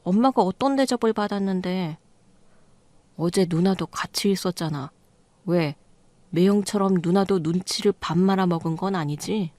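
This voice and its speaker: A woman's voice: lowish voice, normal speed, darkish tone, no echo, lightly acted. Blunt, dismissive grown-up brother in a radio-drama story , as a woman reads him; dry sound. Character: curt, blunt younger brother, a grown man.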